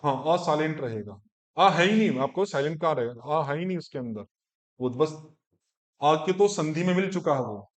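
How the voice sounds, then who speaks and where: A man teaching Sanskrit pronunciation, breaking verses into slow syllables and correcting a student as he goes. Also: fairly high pitch, animated. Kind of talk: one-on-one pronunciation lesson. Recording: echoey room.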